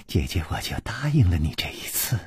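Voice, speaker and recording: 一位男性说书人演绎一个轻佻好色的中年妇人，嗓音沙哑，带气声低语，娇嗔调笑。. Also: male voice, mid-range voice, very animated, measured pace, darkish tone, dry recording, clean studio sound, exaggerated voice. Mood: coquettish. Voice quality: husky, breathy whispering. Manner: coquettish, teasing, giggling. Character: flirtatious lustful middle-aged woman. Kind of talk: storytelling character voice.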